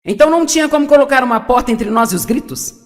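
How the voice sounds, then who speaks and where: A woman's voice: high-pitched, quick pace, big-room sound. A woman preaching a sermon, asking the audience questions and repeating her key points.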